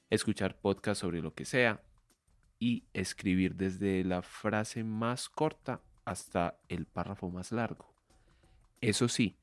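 A man in his thirties from Medellín with a Colombian accent, speaking directly to learners as a podcast host in a clear, measured teacher's way. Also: low voice, no room sound. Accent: Colombian Spanish from Medellín. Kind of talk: podcast monologue for language learners.

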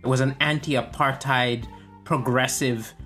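A man who is a comedian, chatting casually and telling animated, playful stories as a podcast guest. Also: medium pitch, unhurried, soft background music. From Kenya.

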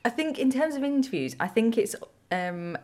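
A woman's voice: fairly high pitch, expressive, moderate pace, a little mellow. A woman guest on a podcast who works as a presenter, speaking thoughtfully with some hesitant ums. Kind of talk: casual podcast interview.

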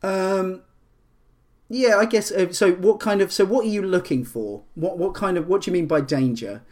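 A man serving as game master for a tabletop role-playing game describes scenes haltingly, full of fillers and restarts. His voice is high with a darkish tone.

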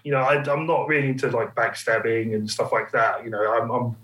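A man's voice: mid-range voice, fairly quick, a bit bright, far from the mic. A laid-back man with an Essex accent chatting casually and self-deprecatingly as a podcast guest. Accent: Essex English. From Essex, England. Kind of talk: casual interview chat. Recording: roomy, off-mic remote recording.

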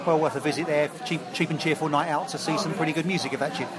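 A man's voice: a little high, fairly even intonation, fast. A man chatting casually as a podcast guest. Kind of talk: casual chat. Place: busy pub. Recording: busy pub chatter behind.

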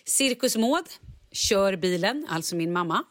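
Animated woman telling a story. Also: mid-range voice, no echo, clean studio sound. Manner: animated, self-mocking, acts out quotes. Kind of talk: casual storytelling chat.

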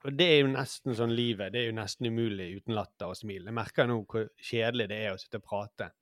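A man's voice: lowish voice, steady tone, a bit bright, no echo, clean studio sound. A man in his forties hosting a podcast, musing and rambling in casual chat. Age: 40s. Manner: musing, rambling, many fillers. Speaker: podcast host.

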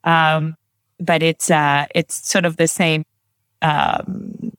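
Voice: medium pitch, flat delivery, takes it slowly, fairly bright tone, clean tone, no echo. Enthusiastic interview guest from Peru, dry sound. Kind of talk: casual interview.

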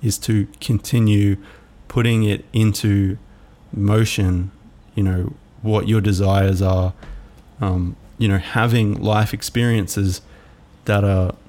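A man hosting a reflective solo podcast, musing aloud in a halting way with many fillers. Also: on the low side, steady tone, dark tone. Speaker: podcast host.

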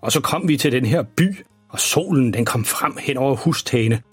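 A man's voice: medium pitch, expressive, husky, no room sound, faint music behind. A man playing an embarrassing, boastful father who rambles through tall tales in a children's story. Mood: rambling. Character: boastful, embarrassing dad, tall-tale teller.

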